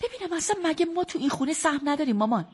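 A woman's voice: sits high, animated. An actress playing a pleading young woman. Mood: defiant. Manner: pleading and defensive. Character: young woman athlete, pleading then defiant. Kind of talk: radio drama acting.

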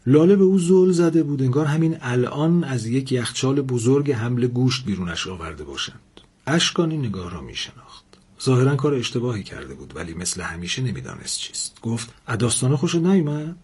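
A man narrating a short story in a measured, expressive reading. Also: medium pitch, breathy edge.

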